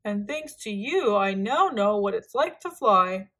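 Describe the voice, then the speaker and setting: A woman voicing a young, curious male polar bear cub in a children's storybook read-aloud, with excited, wide-eyed exclamations. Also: mid-range voice, measured pace. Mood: glad.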